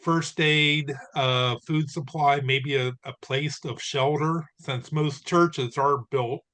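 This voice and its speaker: A man's voice: on the high side, fairly even intonation, takes it slowly, fairly bright tone. A man in the audience asking a question, rambling and thinking aloud with many fillers. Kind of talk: casual question on a call.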